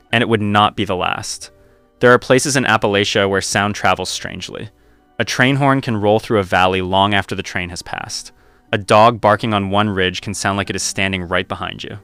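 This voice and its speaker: A man narrating a scripted horror story in a slow, grave, measured way. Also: fairly low pitch, fairly bright tone, no room sound.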